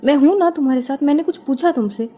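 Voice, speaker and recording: A woman's voice: fairly high pitch, lively intonation, normal speed, mellow. A woman voicing a short-tempered young man who is a pushy fiancé, talking in an irritated, insistent way while telling a story. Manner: irritated, insistent, raises his voice. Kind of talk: storytelling with character voices.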